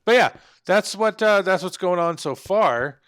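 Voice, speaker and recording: A man's voice: sits high, lively intonation, measured pace, a bit bright, clear, resonant tone. A man hosting a gaming channel, chatting casually as he builds and thinks aloud, trailing off and humming to himself. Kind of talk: casual gameplay commentary.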